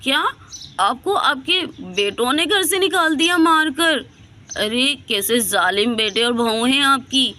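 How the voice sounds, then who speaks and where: Woman doing a caring poor village girl, bright and gentle, storybook figure. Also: high-pitched, lively intonation, a little slow, a little hiss or hum, heavily acted. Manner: gentle and pleading.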